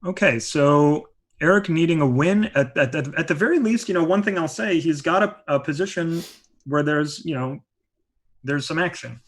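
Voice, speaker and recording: A man's voice: a little high, normal speed. A man giving live chess commentary in a chatty way, explaining moves with many asides.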